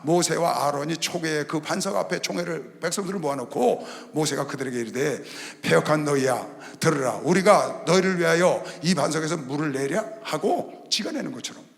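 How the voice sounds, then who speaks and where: A man preaching a Sunday sermon as pastor, animated, voicing God and Moses in lower tones. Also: creaky. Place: large indoor arena hall. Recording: long reverb of a large arena hall.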